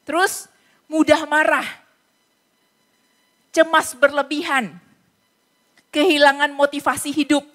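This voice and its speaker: A woman's voice: high voice, level tone, takes it slowly, long pauses, a bit bright. A woman pastor preaching a sermon in a church, earnestly explaining with everyday stories.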